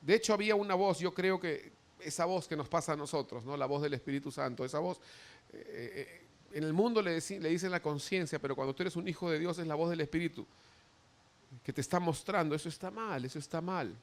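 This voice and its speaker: A male pastor preaching a sermon, animated, acting out quoted voices as he goes. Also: a little high, a little fast.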